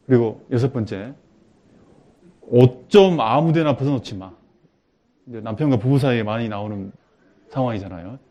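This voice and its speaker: Animated preacher acting out everyday quotes. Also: male voice, medium pitch, lo-fi sound. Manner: lively, acts out quotes with sudden loud bursts. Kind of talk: church teaching talk.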